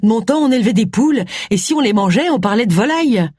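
A woman's voice: a little high, animated, fast, a little mellow, breathy edge, no echo, studio quality, pitched above the performer's own voice. A woman voicing a crude, scolding old mother who is a village witch, in an audiobook.

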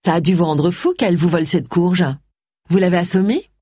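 A cheeky, upbeat young man in an audiobook, done by the reader. His delivery is playful and light. The voice is slightly breathy, recorded dry. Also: mid-range voice, fairly quick, warm tone, no echo, natural voice. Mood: teasing.

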